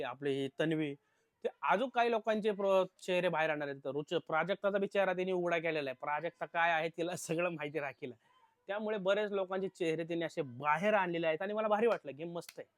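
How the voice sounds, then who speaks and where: Animated man recapping a reality show. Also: fairly high pitch, fairly quick, no echo. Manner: animated, addresses viewers as friends, acts out quotes. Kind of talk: casual recap commentary.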